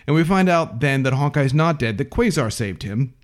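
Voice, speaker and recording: A man's voice: mid-range voice, lively intonation, normal speed. A man co-hosting a podcast in casual chat, recapping a story with a dry, sarcastic edge. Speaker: podcast co-host.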